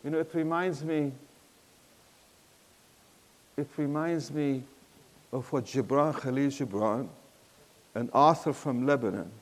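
A man in his sixties from Syria with a Syrian Arabic accent, preaching a storytelling sermon that swings between loud emphasis and a soft hush. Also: medium pitch, takes it slowly, long pauses, in a large hall. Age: 60s.

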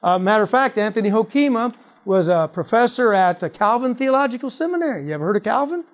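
High-voiced animated male preacher. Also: fast. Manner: animated, asks rhetorical questions. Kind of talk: teaching on apologetics.

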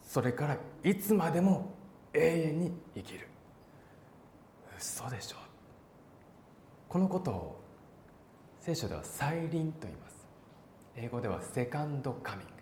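A man preaching a sermon, animated, acting out voices and calling out for emphasis. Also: on the high side, normal speed, pauses often, a little hiss or hum. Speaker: pastor. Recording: echoey hall.

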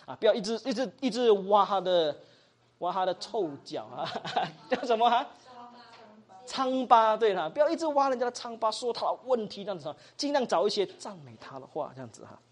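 Lively church class teacher. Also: mid-range voice, a little fast. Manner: mixes in English words; acts out example dialogues. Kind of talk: Bible study lesson.

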